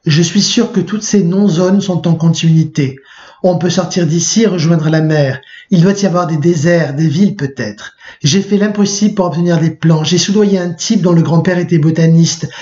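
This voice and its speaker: Baïkal, a restless young man who hates his world, as a male teacher reads him out. The voice is earnest and fairly high. The recording sounds dull and lo-fi. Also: normal speed, dark tone, lightly acted. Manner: earnest, read aloud from a book. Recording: muffled lo-fi recording.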